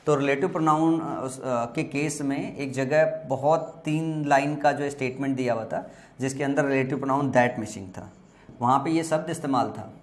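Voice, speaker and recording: Teaching exam vocabulary, this Hindi-first-language speaker has a mid-range voice with a reverberant sound. He goes slowly, saying words more than once and spelling them letter by letter.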